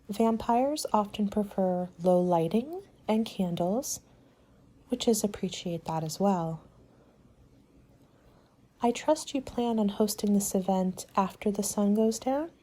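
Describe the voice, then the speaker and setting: In a soft-spoken ASMR roleplay, a woman with a medium-pitched voice plays a courteous, helpful party planner. Her manner is measured, polite and advisory, and her delivery is soft and breathy.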